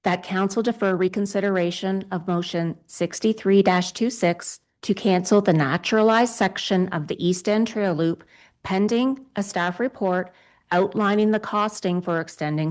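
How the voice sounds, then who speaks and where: A woman clerk at a council meeting, her voice going a little hoarse. She reads draft resolutions in precise, formal wording, pitched slightly low. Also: darkish tone. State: losing her voice. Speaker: town clerk.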